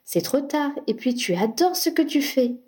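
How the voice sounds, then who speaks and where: A woman reading a young man, an earnest and patient war hero, in a gentle, reassuring way for an audiobook. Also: mid-range voice, steady tone, moderate pace, lightly acted.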